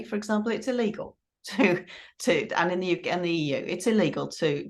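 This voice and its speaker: A middle-aged woman with a deep, gravelly voice answers interview questions as a guest. She is a teacher trainer who explains things in a considered way and repeats points for emphasis.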